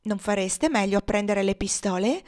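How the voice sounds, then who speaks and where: Woman voicing a cunning enslaved woman, icy, mocking, calm, quiet, storybook reading. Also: mid-range voice, moderate pace, close to an everyday voice. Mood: sly taunting.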